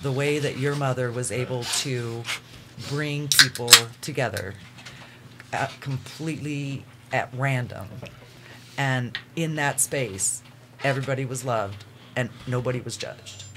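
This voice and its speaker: Man, guest storyteller, earnest, halting, mid-pitched, faint background noise. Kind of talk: personal storytelling in casual talk.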